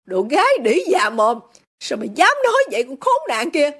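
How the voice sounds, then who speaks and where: A woman reading the part of a furious, greedy middle-aged businessman father, shouting and contemptuous. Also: high voice, wildly swooping pitch, normal speed, pitched above the performer's own voice, exaggerated voice. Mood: raging.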